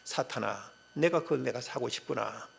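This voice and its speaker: A calm, compassionate male savior in a sermon story, voiced by a pastor, making earnest, rising offers. The voice is strongly gravelly and breathy-husky. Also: mid-range voice, normal speed. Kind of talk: acted quote within a sermon.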